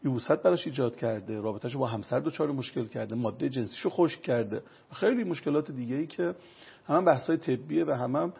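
A man consulting on traditional medicine, lecturing with everyday examples in an interview. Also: mid-range voice. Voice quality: gravelly and raspy. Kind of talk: explanatory interview talk. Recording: dull lo-fi recording.

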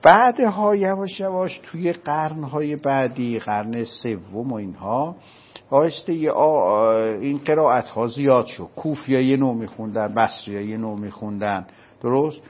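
A man from Isfahan with an Isfahani accent, explaining a religious topic step by step and often asking whether it is clear. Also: medium pitch, muffled recording. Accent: Isfahani Persian. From Isfahan, Iran. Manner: patient, explaining step by step with checking questions. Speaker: religious scholar. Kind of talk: explanatory lecture in conversation.

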